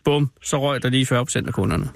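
In a radio studio, a man hosts a casual interview with a caller, his medium-pitched voice carrying vocal fry on a dry recording. He feels his way through questions with hesitant phrasing and teasing asides.

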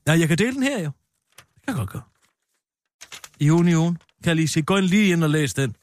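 Animated man rambling in mock-pompous banter. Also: on the high side. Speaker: satirical co-host. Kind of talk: comedic political banter.

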